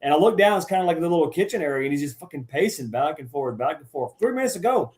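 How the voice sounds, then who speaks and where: A man's voice: fairly high pitch, animated, darkish tone. A man on a sports podcast roundtable, telling a story in casual slangy banter and saying "bro" and "like" often. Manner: rapid, slangy storyteller, says bro and like a lot. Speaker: roundtable panelist.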